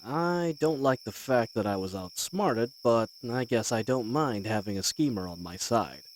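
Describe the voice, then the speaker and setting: A roguish fantasy bandit leader, acted by a man, wry and blustering, with an animated mid-pitched voice. He talks in a folksy, teasing way, as if thinking on his feet. Faint night ambience with crickets sits behind him. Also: normal speed, a little hiss or hum, lightly acted, poor audio. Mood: amused, resigned. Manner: folksy, teasing, conversational with hesitations. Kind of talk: scripted fantasy audio roleplay.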